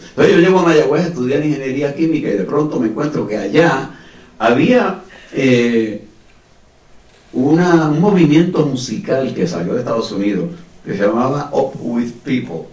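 A middle-aged Puerto Rican man telling stories with a relaxed, chatty manner in a community room. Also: medium pitch. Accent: Puerto Rican Spanish. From Puerto Rico. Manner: relaxed, chatty between songs, sings décima verses. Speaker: singer-storyteller. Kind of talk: sung verse and spoken storytelling with guitar. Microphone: stand mic, seen from a far camera. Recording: roomy, mic at a distance, loud guitar.

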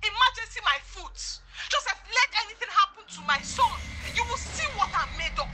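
Threatening Nigerian mother, film drama, indignant scolding, very high pitch, loud music behind. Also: animated, fairly quick. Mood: furious. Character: angry, threatening mother on the phone.

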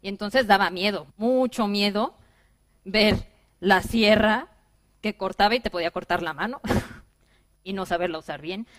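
A woman, giving a personal keynote talk to a seated audience in a bright conference room, lively and acting out her own past remarks. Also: mid-range voice, a little slow, long pauses. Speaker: conference speaker.

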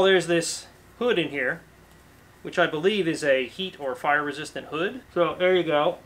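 A man in his thirties chatting casually to camera in a cluttered garage workshop, relaxed and full of fillers and restarts. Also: a little high. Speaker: garage vlogger. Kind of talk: casual show-and-tell to camera.

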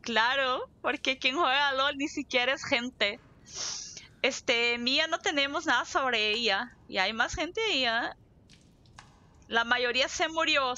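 During casual live gameplay chat, a talkative woman from southern Brazil, a native Portuguese speaker with a regional accent, laughs easily and goes on at length. Her high voice is bright and forceful, with the highs cut off.

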